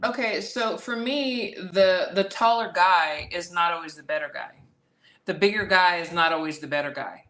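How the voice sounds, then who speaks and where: A woman boxing trainer talks through a fight in a relaxed, conversational way, repeating her key phrases for emphasis. Her voice sits fairly low yet sounds bright and forward. The room around her is noticeably echoey. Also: moderate pace. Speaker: boxing trainer and guest analyst. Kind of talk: casual boxing analysis.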